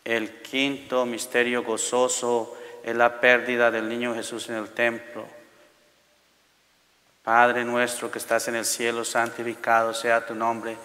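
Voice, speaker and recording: A middle-aged priest reciting liturgical prayers in a measured, formulaic way, his voice echoing as in a cathedral. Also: medium pitch, monotone, bright, forceful tone. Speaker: priest leading the rosary. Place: large church interior, seated by the altar. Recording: long echoing reverb of a church.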